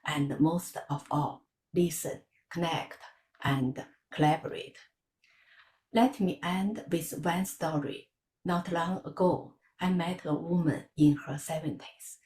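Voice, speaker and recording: A woman from China giving a prepared campaign speech in a measured, earnest way. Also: sits low, a little mellow, echoey room, a little hiss or hum. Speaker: election candidate.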